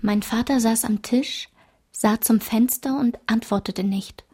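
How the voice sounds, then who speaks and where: In a measured, restrained literary radio play narration, an actress plays a woman recounting a traumatic childhood memory, sometimes dropping to a whisper. Her voice is on the high side, dark and breathy, and the mood is sombre and tense.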